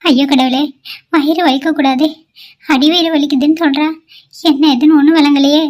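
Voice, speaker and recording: This woman voices a worried but loving middle-aged mother-in-law for a cartoon, alternately comforting and fretful, appealing to god. She speaks at a moderate pace in a high, slightly mellow voice with fairly even intonation, lightly acted.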